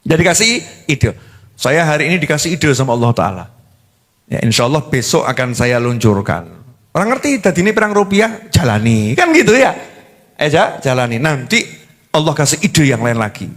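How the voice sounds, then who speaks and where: Preacher guy, high bright voice, super animated, big echoey hall. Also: normal speed. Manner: animated, keeps asking the crowd "right?". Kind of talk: lively sermon. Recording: long hall reverb.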